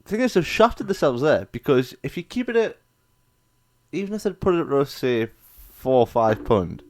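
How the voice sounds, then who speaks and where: A man's voice: a little high, big pitch swings, normal speed, a little mellow. A young man, co-hosting a podcast, bantering and swearing freely in casual chat. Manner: banter-heavy, swears freely, breaks into laughs. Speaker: podcast co-host.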